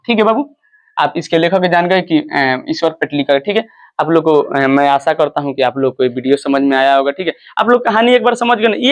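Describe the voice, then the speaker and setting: High-voiced man teaching a lesson. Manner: repetitive, quizzes listeners and answers himself. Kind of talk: explaining a school story.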